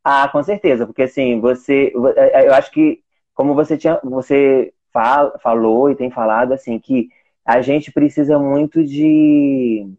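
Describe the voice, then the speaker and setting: A man's voice: medium pitch, fairly even intonation, a little slow, warm tone, highs cut off. A man talking casually in a live video chat as an adoptive single father, rambling with many restarts. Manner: rambling, many restarts, quoting his own talks with his son. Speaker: teacher of young children.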